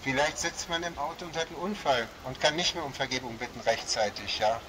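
A Berlin man with a light local accent preaches a fervent open-air sermon on a shopping street, sheltering under a small roof from the rain. His mid-range voice moves briskly, and he keeps saying "ja" and "Halleluja." He's heard through a small loudspeaker setup amid noisy street ambience.

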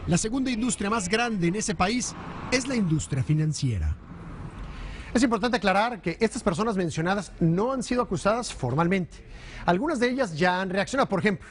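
Male correspondent, middle-aged, high voice, crisp formal newsroom read, slight hiss. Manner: brisk, formal newscaster delivery. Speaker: news correspondent. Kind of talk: news report and voice-over. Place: newsroom studio.

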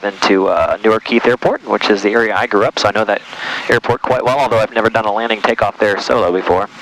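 A man's voice: lowish voice, slight background noise, low-quality recording. Man on a cockpit headset mic. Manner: calm, methodical checklist talk with fillers. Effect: pilot speaking over a cockpit headset. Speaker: student pilot. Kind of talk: talking through preflight checks and taxi. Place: cockpit of a small plane. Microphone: aviation headset mic.

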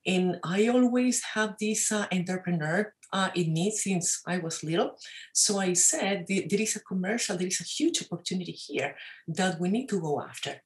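A Venezuelan-accented woman in her forties, speaking in a slightly low voice over a webcam from an office. She talks in a lively, gesturing way, full of fillers and questions tacked on at the end of her sentences. It is an easygoing interview with no script. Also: normal speed. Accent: Venezuelan Spanish. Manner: animated, gestures a lot, many tag questions and fillers. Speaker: guest entrepreneur. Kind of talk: casual interview talk. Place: wood-panelled office, indoors. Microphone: webcam on a video call.

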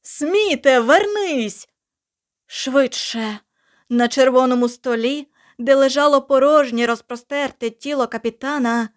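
A woman narrating a science fiction audiobook in a measured, dramatic storytelling manner. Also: high voice, clear, resonant tone.

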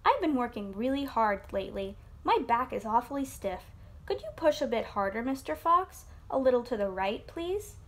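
Woman putting on a squeaky, sly little piglet. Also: very animated, moderate pace. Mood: pampered. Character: clever cheeky little male piglet.

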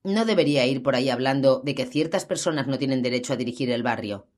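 A woman's voice: very deep voice, quick pace, a little mellow. Woman doing a big mean thug, taunting and nasty, audiobook read. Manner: taunting, menacing. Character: sadistic big adult male thug with a gun.

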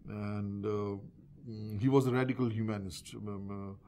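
A man's voice: on the low side, fairly even intonation, measured pace, warm tone, slight background noise. An older man from India recalling past events in an oral history interview, talking hesitantly with many fillers and restarts. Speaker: interviewee recalling wartime reporting.

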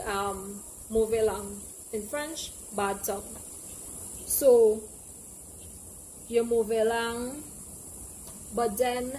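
Mellow young Trinidadian Caribbean woman, casually explaining. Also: on the high side, rough recording. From Trinidad and Tobago. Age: young adult. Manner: playful, conversational, slipping into local dialect examples. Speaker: language teacher and presenter. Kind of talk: casual explanatory talk to camera. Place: outdoor open porch with trees behind. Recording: clear background noise, outdoor ambience.

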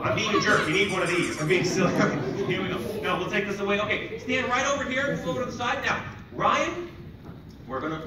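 A man in his thirties doing playful, jokey kids party magician patter on stage, hyping up the children. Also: high-pitched. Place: library auditorium stage, indoors. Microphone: distant audience camera. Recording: roomy, noisy hall recorded from far off.

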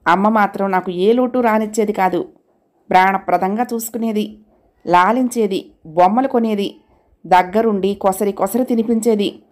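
Woman, storyteller, reading a family story aloud, even unhurried narration. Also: medium pitch.

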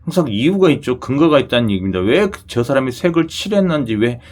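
This lottery channel host's medium-pitched voice is very animated and quick. Speaking a regional Korean dialect, he keeps up a chatty talk with viewers, repeatedly asking "그죠?" to draw their agreement.

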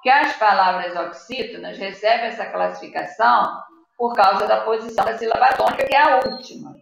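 A woman's voice: medium pitch, a little fast, vocal fry. A Brazilian woman teacher giving a patient live online Portuguese lesson to children, reading word lists aloud and quizzing her pupils. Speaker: schoolteacher. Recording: echoey room, dull lo-fi audio with faint noise.

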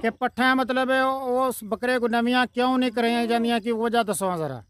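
A man's voice: extremely high pitch, brisk, a bit bright, slight background noise. A male host of a goat farming channel from Pakistan, interviewing a farmer outdoors at his farm, asking questions and repeating the answers back.

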